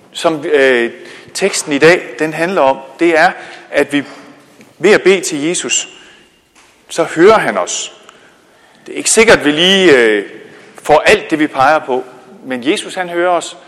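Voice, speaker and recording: A pastor telling a Bible story in a children's sermon, gently asking the children questions, with frequent hesitations, in a church. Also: male voice, on the high side, big-room sound.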